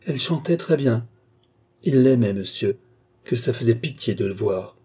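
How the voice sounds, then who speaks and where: A man reading the lines of an old female housekeeper in a storybook, giving short, dry replies in a dark, husky voice. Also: mid-range voice, expressive, moderate pace.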